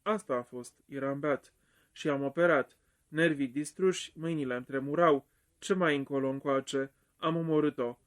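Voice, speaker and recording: A cool, self-possessed doctor, as an audiobook reader puts him on, talking his way around things. The voice sits slightly high. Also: natural voice. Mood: guilty. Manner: composed, evasive. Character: smooth middle-aged male doctor, self-possessed.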